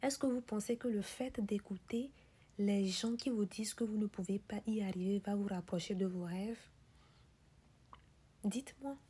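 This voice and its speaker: A woman delivering a motivational speech in a whispery, breathy voice, pressing the listener with insistent rhetorical questions and repeated refrains. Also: mid-range voice, moderate pace, dark tone. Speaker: motivational speaker.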